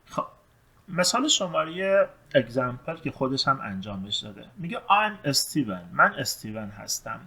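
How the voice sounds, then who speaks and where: A man teaching English, reading test sentences slowly and then translating and explaining them. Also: medium pitch, expressive, vocal fry, pushed and bright, breathy edge, low-quality recording.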